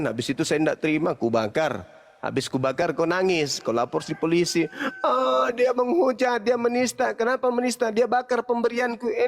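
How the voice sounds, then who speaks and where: A man's voice: high voice, creaky. A man, an Islamic preacher delivering a heated, mocking monologue of repeated rebukes. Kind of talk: angry scolding monologue. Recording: long hall reverb.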